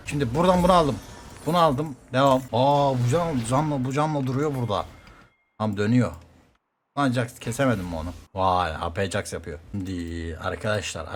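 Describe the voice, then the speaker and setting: A man streaming a game, talking fast to viewers and teammates, swearing casually and getting excited by turns. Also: fairly low pitch, slight background noise. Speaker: gaming streamer. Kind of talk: live gameplay commentary.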